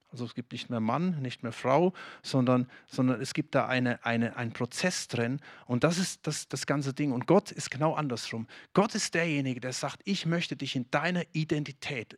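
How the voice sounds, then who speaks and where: A man from Germany preaching a sermon, talking straight to the congregation in a lively way with frequent restarts. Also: medium pitch, no echo, clean studio sound. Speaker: pastor.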